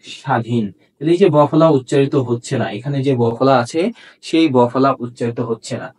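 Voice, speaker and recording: Man, Bangladeshi accent, teacher, husky voice, asks and answers his own questions. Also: mid-range voice, a little fast, a little mellow. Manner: explains step by step, asks students questions and answers them himself. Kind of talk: classroom lesson.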